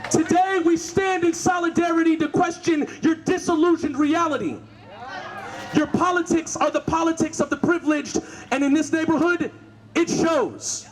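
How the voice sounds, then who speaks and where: A protest organizer shouting rousing, impassioned chants and speech at an outdoor street rally. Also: extremely high pitch, normal speed, roomy sound. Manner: shouted, impassioned call-and-response. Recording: noisy outdoor recording with loud crowd.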